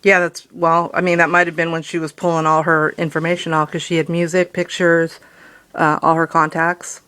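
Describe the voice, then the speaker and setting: A woman's voice: sits low, flat delivery, normal speed, fairly bright tone, smooth. A middle-aged woman, a customer on a phone call, explaining in a conversational, persistent way. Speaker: customer calling about a bill.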